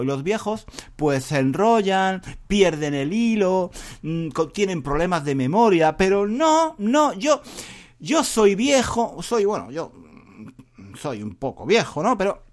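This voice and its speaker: A middle-aged man with a Spain Spanish accent, a Spanish teacher hosting a podcast, who talks fast, rambles and makes fun of himself in a lively, jokey way. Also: high-pitched. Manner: rambling and self-mocking, fast talking. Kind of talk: casual podcast monologue for learners.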